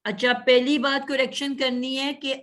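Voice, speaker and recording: Give me a woman with a fairly high voice teaching an online grammar class, correcting pronunciation patiently. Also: flat delivery, a bit bright. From Pakistan. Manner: patient, corrective, repeats sounds slowly.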